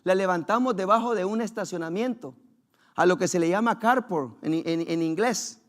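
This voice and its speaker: A man preaching in with a noticeably high voice. He builds his sermon on rhetorical questions and bursts of fervor, acting out the scripture he quotes. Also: normal speed. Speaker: pastor.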